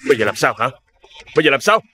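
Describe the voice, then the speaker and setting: An actor playing a hot-headed male gangster in a shouting, abrasive quarrel. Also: medium pitch, big pitch swings, racing, lightly acted. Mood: heated. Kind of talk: crime drama acting.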